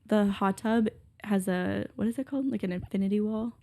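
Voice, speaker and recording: Young woman co-host, gravelly fry in her voice, giggly and rambling. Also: medium pitch, brisk, dark tone. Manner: giggly, chatty, trails off mid-sentence. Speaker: podcast co-host. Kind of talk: casual chat.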